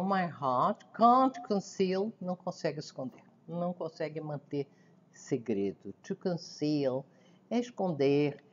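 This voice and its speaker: Lively, low-voiced woman teaching. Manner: drills lyric lines slowly, then explains them in Portuguese. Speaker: English teacher. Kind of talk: song-based language lesson. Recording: dull lo-fi recording.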